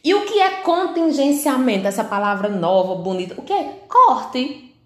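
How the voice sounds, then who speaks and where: A fairly high-voiced woman with a Brazilian Portuguese accent gives a remote language lesson. She explains each point step by step, checks in with her students and acts out the lines of comic strips. Her voice carries a roomy echo. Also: big pitch swings, normal speed, fairly bright tone.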